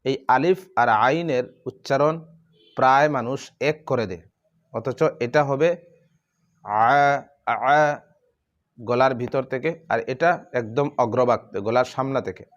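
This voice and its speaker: A man teaching Quran letter pronunciation, drawing out each letter name slowly and explaining the difference between similar sounds. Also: mid-range voice, muffled recording. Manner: slow, drawn-out recitation of letter names.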